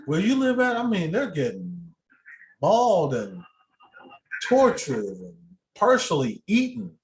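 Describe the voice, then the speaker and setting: A man's voice: high voice, huge pitch swings, slow pace. An American man chatting casually on a live stream in a folksy, colloquial way. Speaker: co-host of a live spirit box session. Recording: echoey room sound.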